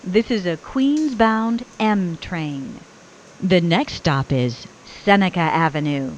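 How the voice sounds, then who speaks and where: A woman's prerecorded train announcements, made of spliced-together phrases with station names joined in, spoken in a measured, evenly spaced way. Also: lowish voice, animated, slight background noise. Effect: spliced-together recorded phrases, station names joined in. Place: inside a subway train car. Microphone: recorded announcement played over the train PA. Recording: dull lo-fi onboard speaker.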